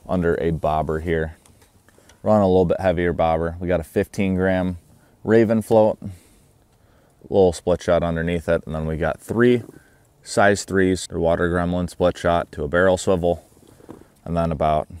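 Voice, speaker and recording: A man's voice: sits low, clean tone, no room sound. A man hosting a fishing vlog outdoors on a river, chatting casually and explaining his rig and knot step by step. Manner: relaxed, chatty, instructive. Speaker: fishing guide and vlog host.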